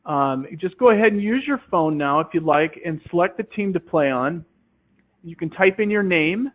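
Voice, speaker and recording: A man's voice: high-pitched, moderate pace. Man on a tinny line. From Minnesota, USA. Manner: relaxed, explanatory, many fillers. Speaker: presenter demoing a classroom quiz game. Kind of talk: software demonstration talk. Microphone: headset.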